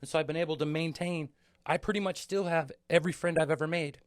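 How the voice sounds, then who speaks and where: A man's voice: a little high, steady tone, quick pace, dry recording. A man in his forties, a guest on a comedy podcast, chatting casually and telling stories, swearing now and then. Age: 40s. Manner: storytelling, swears freely, acts out quoted voices. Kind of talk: casual chat. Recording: dry close studio mic.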